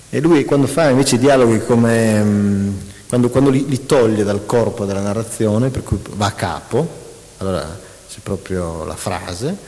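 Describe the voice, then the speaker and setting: Writer talking shop on stage, lowish male voice, lively delivery with restarts, long hall reverb. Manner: animated, reads out mock prose passages, many restarts. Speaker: writer talking about his craft. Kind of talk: public talk with an interviewer.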